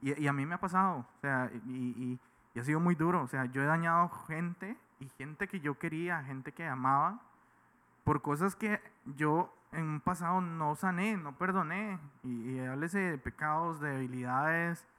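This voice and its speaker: A man, speaking a little higher than most men, with a bright, forceful tone. He exhorts his listeners earnestly, the way a preacher would, in an easygoing faith conversation. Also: normal speed. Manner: earnest, exhorting, mimics others in quotes. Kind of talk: casual faith talk, preaching tone.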